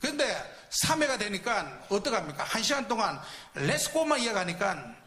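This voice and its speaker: Animated high-pitched preacher. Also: male voice, normal speed. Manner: animated storytelling with shouted reenactments. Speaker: preacher at a Friday night service. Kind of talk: storytelling sermon testimony. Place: church sanctuary.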